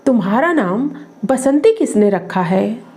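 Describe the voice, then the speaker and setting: Brief: woman narrator doing a teasing middle-aged man, light and joking, soft dark tone. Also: a little high, very animated, measured pace. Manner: mischievous, joking.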